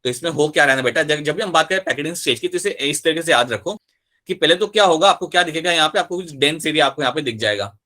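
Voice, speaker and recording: Bright-voiced man teaching a biology class. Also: on the high side, lively intonation, very fast. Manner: explains step by step, repeating key terms and asking for confirmation; switches between Hindi and English mid-sentence. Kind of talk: live online class lecture.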